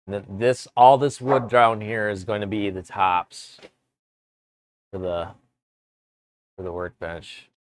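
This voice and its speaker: A man streaming live from his woodworking shop, chatting casually with viewers in a relaxed, rambling way. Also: fairly low pitch, takes it slowly, long pauses, no echo. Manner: relaxed, rambling, chats with viewers between tasks. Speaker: woodworking livestreamer. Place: home workshop.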